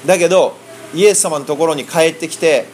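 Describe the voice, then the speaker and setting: A man interprets a sermon at a quick clip, his voice sitting a little high for a man. He talks in an animated, colloquial way and puts on a voice for each quote. A faint hum of ambience sits behind him. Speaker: interpreter for a preacher.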